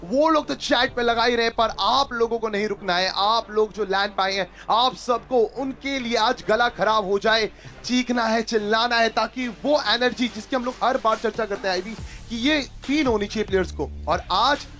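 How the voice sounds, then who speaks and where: A man with a notably high voice works as an esports caster at a live arena final. He rouses the crowd and walks through the rules with showman energy, while faint music plays underneath. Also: normal speed, sharp tone. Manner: hyping the crowd, rousing.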